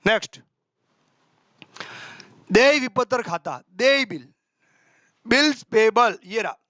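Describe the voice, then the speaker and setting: A male teacher running a quick exam-prep accounting class, quizzing himself aloud and answering in a student's voice, with homely examples. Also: extremely high pitch, expressive, pushed and bright, dry recording. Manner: brisk and colloquial, with homely examples.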